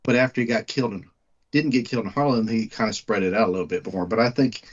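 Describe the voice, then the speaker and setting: A man's voice: on the low side, quick pace, muffled recording. A man with a West Texas twang chatting casually about film, emphatically stating his opinions and rephrasing his points. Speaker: movie podcast co-host.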